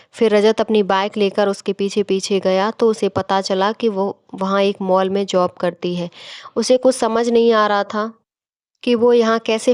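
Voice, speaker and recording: A woman reading a scripted moral story aloud in an even, measured way. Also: medium pitch, clear, resonant tone, no echo, studio quality. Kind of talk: scripted narration.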